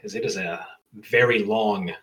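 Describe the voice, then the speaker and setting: A man's voice: lowish voice, steady tone, measured pace, fairly bright tone. A young man co-hosting a podcast, reading a fan story aloud with crude jokes and laughter. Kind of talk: casual comedic story reading.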